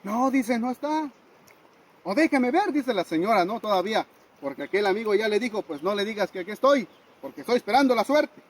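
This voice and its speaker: A man's voice: sits high, expressive, fast, rough recording. A man from Mexico telling a folktale in a folksy way, often tagging lines with "dice" and "¿no?". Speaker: storyteller.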